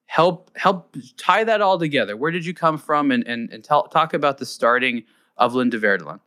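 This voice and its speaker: A man's voice: a little high, animated, moderate pace, pushed and bright. A man hosting a podcast interview, chatty and loose, often repeating words as he starts a thought. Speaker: podcast host. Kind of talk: casual interview.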